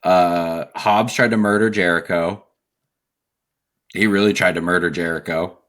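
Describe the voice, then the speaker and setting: A man with a fairly low voice co-hosts a podcast in a relaxed, chatty way. He works through his notes and laughs often as he talks. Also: measured pace. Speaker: podcast co-host. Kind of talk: casual podcast chat.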